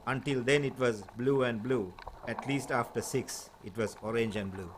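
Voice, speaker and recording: A man's voice: mid-range voice, normal speed, noisy background. A man co-hosting a live stream, reading a quote with some stumbles. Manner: reads a quote aloud, stumbles on words.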